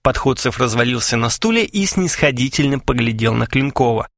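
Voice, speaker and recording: A man narrating a comic story as an expressive audiobook reader. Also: mid-range voice, brisk, vocal fry, no room sound, clean studio sound.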